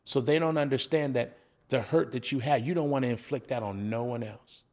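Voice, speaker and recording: A former coach appears as a podcast guest, telling stories in an earnest, preacher-like manner and frequently posing rhetorical questions. His voice is medium-pitched and darkish, and he speaks briskly.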